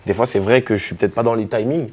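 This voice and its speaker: A man from the French Caribbean, a DJ and artist telling stories in a relaxed interview, with many fillers and restarts. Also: lowish voice, quick pace. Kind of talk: casual storytelling interview.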